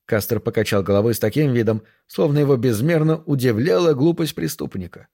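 A man's voice: mid-range voice, brisk, warm tone, slightly rough. Man narrating a thriller audiobook. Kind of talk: scripted narration.

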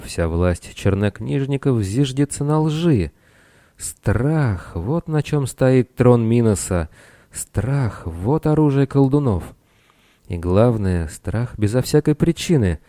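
A man voicing Theseus, a bold, defiant Greek pirate captain who speaks gravely and resolutely. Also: lowish voice, moderate pace, mellow, no echo, clean studio sound, lightly acted.

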